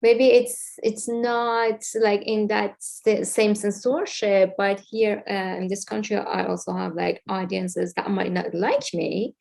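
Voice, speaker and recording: Iranian-accented woman with gravelly tone. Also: medium pitch, little pitch movement, darkish tone. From Iran. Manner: thoughtful, halting, many fillers and restarts. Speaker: filmmaker guest. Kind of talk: casual interview.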